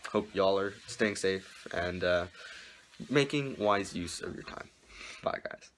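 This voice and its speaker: A man's voice: low voice, slow pace, a bit bright. A young man chatting casually to camera as a vlog host, recorded at arm's length in a room at home. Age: young adult. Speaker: video host. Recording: noisy room ambience.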